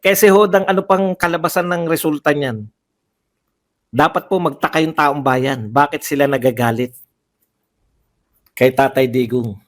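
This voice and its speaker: Man hammering rhetorical questions, slightly high. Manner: fires off rhetorical questions, heated and emphatic; repeats phrases for emphasis. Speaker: political commentator. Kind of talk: livestream commentary.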